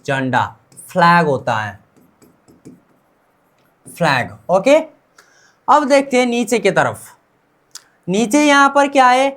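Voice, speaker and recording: A woman's voice: medium pitch, big pitch swings, slow, long pauses. A woman with an Indian accent teaching Korean pronunciation in Hindi, repeating each word many times and asking her students questions before giving the answer.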